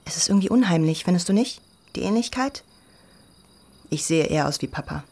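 An actress voicing a spiritual teenage girl, the youngest sister, who turns defensive and flares up quickly in a dubbed drama. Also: on the low side, animated, darkish tone. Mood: guarded.

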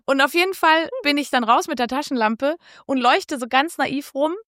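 Woman, casual storyteller, bright high-ish voice, dry close mic, swears freely, acts out her own quotes. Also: normal speed, no echo. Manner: lively, casual, swears, quotes herself with raised voice. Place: Switzerland.

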